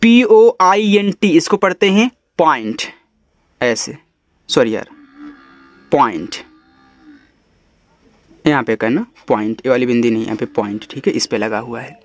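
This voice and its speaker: A man teaching an English reading lesson, who spells out each letter slowly and then says the whole word lower and softer, checking in with his students. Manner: coaxing, checks in with "ठीक है?". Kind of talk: step-by-step phonics lesson.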